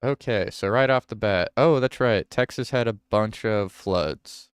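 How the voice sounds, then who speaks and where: A man's voice: lowish voice, unhurried, smooth, no echo, studio quality. A man hosting a livestream, reading news headlines aloud and reacting to them, with self-corrections. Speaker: livestream host.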